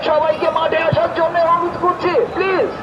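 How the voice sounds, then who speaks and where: A very high-pitched man makes event announcements at an outdoor football ground, repeating his appeals. A dense crowd surrounds his voice, and the recording is extremely noisy. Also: flat delivery, fairly quick, highs cut off. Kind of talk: public-address event announcing.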